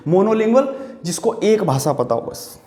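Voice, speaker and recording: A man with an Indian accent gives an exam-prep vocabulary lesson, repeating each word and quizzing the viewer as he writes on a board. His voice sits fairly high but mellow and dark. The room is echoey around him. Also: very animated, moderate pace. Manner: explains patiently, repeats words and asks questions to the viewer; writes on a board while talking. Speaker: vocabulary teacher.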